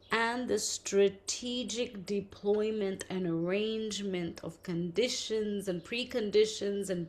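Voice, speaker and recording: A woman's voice: medium pitch, darkish tone. A middle-aged woman who grew up in Indonesia, thinking aloud in an interview and stringing ideas together in long chains. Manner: thoughtful, lists terms in long chains. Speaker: interviewee, debt justice researcher. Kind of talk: reflective interview talk.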